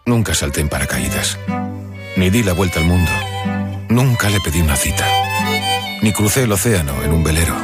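A man's voice: low-pitched, expressive, a little fast, long pauses. An actor playing a wistful man listing regrets in a radio advert monologue. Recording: loud string music under voice.

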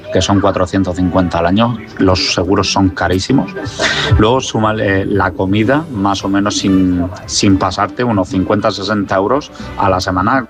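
A man, calling in and methodically listing his monthly expenses. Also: low-pitched. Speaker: radio caller.

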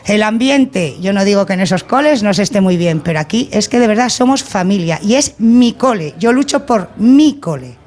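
Lady teacher, warm and emphatic about her tiny school. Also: medium pitch, lively intonation, normal speed, few pauses. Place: small rural school.

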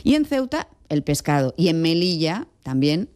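A woman's voice: low-pitched, moderate pace. A woman reporting survey results on a radio show, reading them out eagerly. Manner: lively, reads out results eagerly.

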